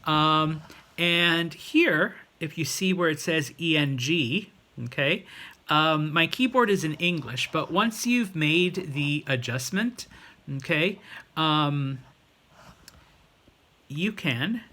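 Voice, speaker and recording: Slow-talking middle-aged man teaching. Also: on the high side, animated, sharp tone. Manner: halting, with frequent check-in questions. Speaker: Spanish teacher. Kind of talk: informal tutorial for students, demonstrating on a computer.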